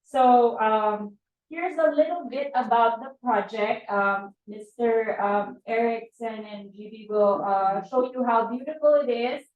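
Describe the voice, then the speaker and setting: A woman's voice: a little high, unhurried, phone-quality sound. A woman, presenting at a meeting in a hesitant way with many fillers. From Philippines. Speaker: transaction coordinator. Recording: very echoey room, voice far from mic.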